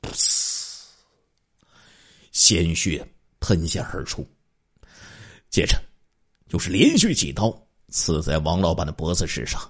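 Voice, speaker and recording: Husky guy telling a crime story, voice swoops way up and down. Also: deep voice, big pitch swings, fairly bright tone. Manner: swooping, dramatic storytelling with drawn-out particles. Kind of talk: dramatic true-crime narration.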